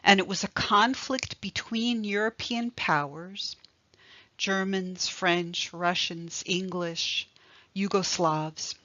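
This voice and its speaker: A woman giving a recorded history lecture, explaining slowly and with emphasis, spelling out terms and stressing key words. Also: medium pitch, bright, forceful tone, no echo. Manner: slow, deliberate, emphatic explaining. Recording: dry, slightly dull lo-fi recording.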